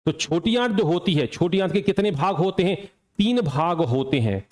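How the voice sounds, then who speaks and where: Higher-voiced man teaching an exam lecture. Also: expressive, normal speed, darkish tone. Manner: asks and answers his own questions; repeats key points for drilling.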